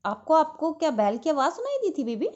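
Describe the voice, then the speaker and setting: A woman's voice: high-pitched, big pitch swings, a little fast, a little mellow, muffled recording. A woman coaxing her pet parrot in doting baby talk. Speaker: pet owner.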